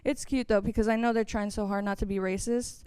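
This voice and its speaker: A woman's voice: mid-range voice, steady tone, a little fast, dark tone, clean tone, no room sound. A young woman doing a stand-up comedy set on a college stage, chatty and self-mocking, acting out other people's voices. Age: young adult.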